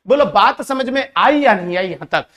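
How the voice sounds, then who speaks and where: A man's voice: high voice, animated, moderate pace, a bit bright. A man teaching an exam-prep lesson who calls his students brothers and asks and answers his own questions.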